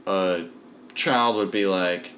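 A man's voice: low voice, fairly even intonation, slow, a bit bright, slight background noise. A man in casual podcast chat, reflective and asking thoughtful questions. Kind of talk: casual chat about a cartoon.

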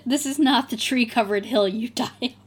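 Here a woman with a husky, slightly high voice reads a fan story aloud at a moderate pace, played for comedy. Her delivery is theatrical, interrupted often by laughter.

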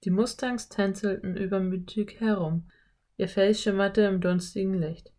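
A woman reading a children's story as narrator in an even storytelling manner. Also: mid-range voice, moderate pace. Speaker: audiobook narrator. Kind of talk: scripted narration.

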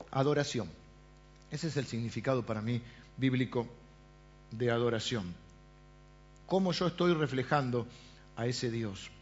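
A man preaching a sermon, asking rhetorical questions and often dropping to a quiet aside. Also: high-pitched, dull audio.

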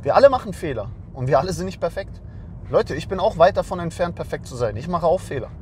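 A man's voice: a little high, lively intonation, fast, darkish tone, slight background noise. A man in his twenties, a dating coach ranting bluntly to camera and scolding his viewers.

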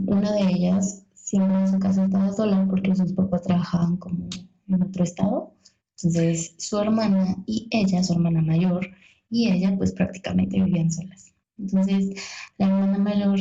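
A woman's voice: lowish voice, gravelly, mellow, lo-fi sound. A young Mexican woman with a Mexican accent tells a funny personal story in a casual, self-mocking way and acts out the voices of the people in it. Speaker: guest storyteller. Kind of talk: casual anecdote.

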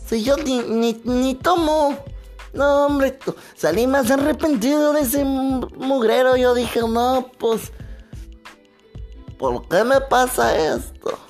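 A man's voice: extremely high pitch, slow, darkish tone, soft background music, voice pushed up, heavily acted. A man putting on a rambling mountain old-timer. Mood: aggrieved. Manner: rambling, drawling, full of fillers like "no, hombre, pues". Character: folksy rustic older man from the mountains. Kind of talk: comedy sketch character.

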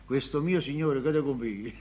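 An actor playing a pompous, stubborn middle-aged mayor with a Neapolitan accent, emphatic and repetitive in a stage comedy. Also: male voice, mid-range voice, a little slow, a little mellow, breathy edge. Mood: aggrieved. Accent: southern Italian, Neapolitan. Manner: theatrical, emphatic, repeats himself. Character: pompous, stubborn mayor, grudge-holding rich uncle.

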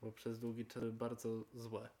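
A young man in casual podcast chat, low-key and dry, often correcting his friend. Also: completely flat delivery, moderate pace, dark tone.

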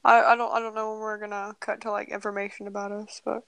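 Bright, giggly teen girl. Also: medium pitch, fast, vocal fry, smooth, no room sound, rough recording. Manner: giggly, rambling and excitable. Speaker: podcast co-host. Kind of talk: casual chat. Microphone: headphone mic.

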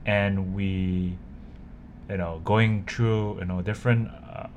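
A man from Malaysia, a podcast guest, talking casually in a halting way with many fillers. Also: low voice, steady tone, muffled recording, slight background noise.

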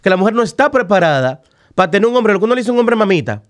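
A man's voice: high-pitched, very animated, racing. A man, giving emphatic, lecturing opinions on a podcast and often repeating words as he starts a point.

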